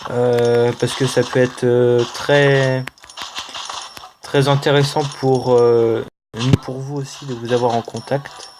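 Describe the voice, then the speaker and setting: A gaming channel host, French-accented, narrates his mobile gameplay casually while music plays underneath and background noise lingers. His medium-pitched voice barely moves in pitch. He takes his time, hesitating often and filling gaps with "euh."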